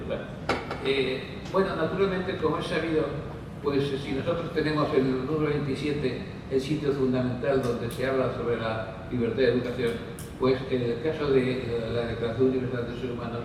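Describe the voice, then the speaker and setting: A man delivers a meandering panel talk, full of fillers and little asides to the audience. His voice sits a bit high, picked up from far away in a long-reverb hall, with clear background noise. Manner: discursive, with frequent fillers and asides. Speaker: panel speaker. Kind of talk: conference talk. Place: conference hall. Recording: distant mic in echoey hall with noise.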